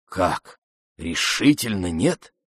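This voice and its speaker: Man doing an insistent, forceful friend. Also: low voice, sing-song, slow pace, husky, no room sound, pitched below the performer's own voice, exaggerated voice. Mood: urging. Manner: emphatic, urging, loud.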